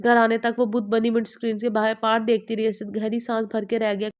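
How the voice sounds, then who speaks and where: A woman narrating a romance novel as an audiobook, reading in a steady, even way. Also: on the high side, a little fast, smooth. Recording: slightly muffled lo-fi audio.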